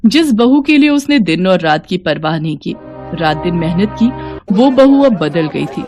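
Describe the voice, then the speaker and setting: A woman narrating a cartoon moral story in a steady, expressive way. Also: on the low side, moderate pace, soft background music.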